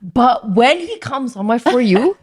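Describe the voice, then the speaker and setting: A woman's voice: on the high side, sing-song, measured pace, husky. A woman from Faisalabad, Pakistan, with a Punjabi accent, chatting casually and slangily as a giggly podcast co-host. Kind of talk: casual chat.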